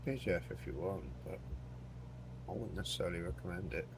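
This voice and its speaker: This deep, gravelly male voice moves at a brisk clip as he streams a flight sim, musing aloud to himself and his viewers with jokes and curses along the way. Heavy in-game engine roar sits in the background.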